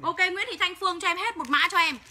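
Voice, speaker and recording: Over background noise, a very high female voice races through a clothing livestream, calling out buyers' names in quick sales patter. The young seller keeps erupting into angry, profane rants directed at her viewers.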